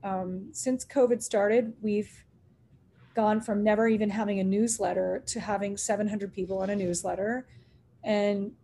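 Speaking at a moderate pace with a dark, medium-pitched voice and fairly even intonation, a middle-aged woman who owns a restaurant shares animated stories in an interview. She performs the dialogue she quotes and laughs a lot; there's slight background noise.

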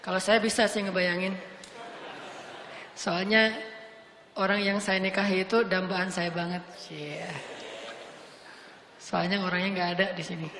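A woman's voice: mid-range voice, fairly bright tone, slight background noise. A woman giving a humorous, casual sermon with playful, jokey storytelling. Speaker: preacher. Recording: echoey hall with long reverb.

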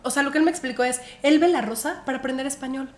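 An animated young Mexican woman tells a story with plenty of slang and laughter. Her voice sits high. The room is echoey. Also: rapid-fire. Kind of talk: casual storytelling chat.

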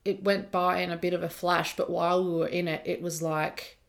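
A woman's voice: on the low side, flat delivery, a little fast, vocal fry. A young Australian woman co-hosting a podcast, chatting in an upbeat, rambling way. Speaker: podcast co-host. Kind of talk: casual chat.

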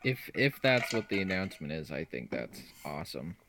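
A man co-hosting a casual sports podcast, hoarse from losing his voice, joking dryly and clearing his throat. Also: low voice, very animated, normal speed, background noise. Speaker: podcast co-host.

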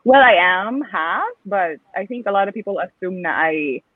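A young Filipino woman with a Filipino accent, chatting as an interview guest in a relaxed, rambling way with many fillers. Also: medium pitch, normal speed, dry recording. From Philippines. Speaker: guest athlete. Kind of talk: casual interview chat, mixing English and Tagalog. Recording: tinny phone-like dry line.

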